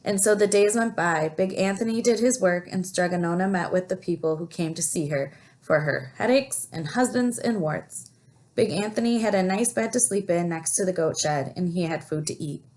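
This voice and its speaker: A woman teacher with a lowish, slightly mellow voice reads a picture book aloud to young children. She explains things as she goes and pauses to ask her listeners questions.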